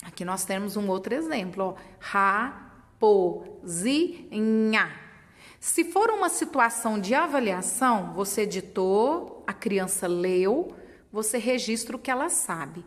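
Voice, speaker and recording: A teacher trainer with a Brazilian Portuguese accent explains literacy stages to teachers, patiently breaking words into syllables. Her mid-range voice is animated and moderately paced, and the recording has a long reverb.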